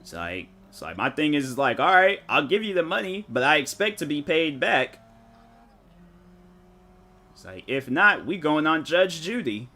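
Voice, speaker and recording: Slangy, animated male gaming streamer. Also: a little high, normal speed. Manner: rambling storytelling, slangy, animated, mock-quotes people. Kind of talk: casual chat while streaming a game.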